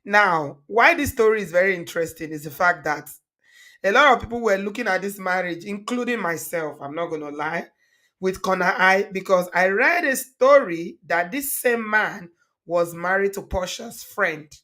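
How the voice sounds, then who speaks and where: A woman's voice: mid-range voice, lively intonation, moderate pace, pushed and bright. A woman with a Nigerian accent and a slightly froggy, cold-worn voice, chatting casually to viewers as host of a livestream show. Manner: chatty, repeats greetings and thanks. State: recovering from a cold.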